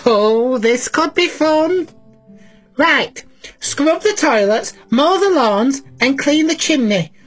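A woman's voice: high voice, expressive, takes it slowly, soft background music. Woman playing a cheeky granny. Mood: cheery. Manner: chatty, cheeky, talks to children at home. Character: chatty elderly granny cleaner, cheeky and homely. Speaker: children's show presenter in character.

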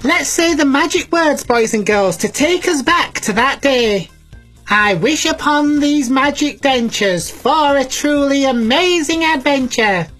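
A woman's voice: sits high, animated, a little slow, fairly bright tone, faint music behind, poor audio. A woman playing a chatty, cheeky elderly granny cleaner, talking to children at home. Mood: cheery. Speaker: children's show presenter in character.

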